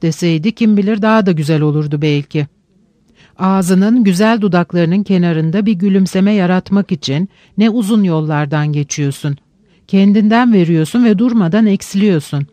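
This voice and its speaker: A man narrating a literary audiobook in a measured, reflective way with slow pauses. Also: high-pitched, mellow, no room sound.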